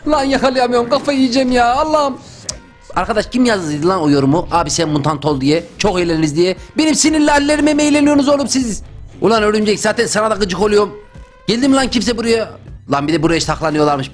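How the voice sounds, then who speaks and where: A man giving excited Let's Play commentary, loud and teasing, dropping to whispers and then yelling. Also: high voice. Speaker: gaming YouTuber.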